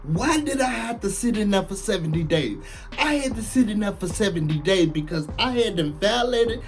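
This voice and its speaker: Speaking in a high-sitting voice, a man in his late thirties, formerly incarcerated, tells his story casually and with animation. He leans heavily on slang and repeats lines for emphasis.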